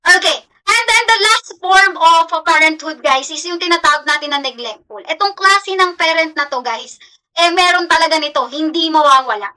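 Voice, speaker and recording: High bright Filipino woman lecturing. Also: expressive, moderate pace, rough recording. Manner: mixes Tagalog and English, asks "di ba?" often. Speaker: teacher. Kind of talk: classroom lecture.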